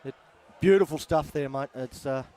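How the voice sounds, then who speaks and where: Australian man, higher-pitched sports caller. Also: moderate pace, warm tone. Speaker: play-by-play commentator. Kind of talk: sports commentary wrap-up. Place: outdoor sports ground.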